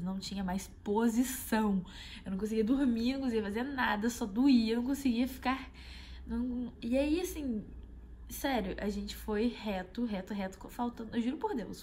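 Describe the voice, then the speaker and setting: A young woman with a Brazilian accent tells a travel mishap in a lively, chatty way, often turning to her viewers. Her voice sits a little high. A faint ambient hum stays under her speech. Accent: Brazilian Portuguese. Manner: animated, addresses viewers as "gente". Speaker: travel vlogger. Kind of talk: casual storytelling.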